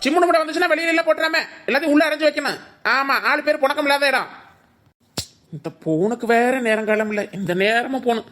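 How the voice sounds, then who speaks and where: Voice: high voice, fast talker, a bit bright, soft background music. A performer voicing a worried young village husband in a cartoon, with a Tirunelveli Tamil accent and a flustered, questioning manner. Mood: busy. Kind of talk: cartoon voice acting.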